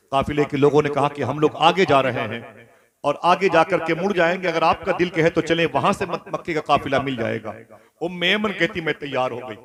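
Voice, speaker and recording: A man preaching an emotional sermon, telling a story dramatically and voicing its characters with rising intensity. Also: a little high. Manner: dramatic, voices grief and quoted speech with rising intensity. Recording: crowd audible behind.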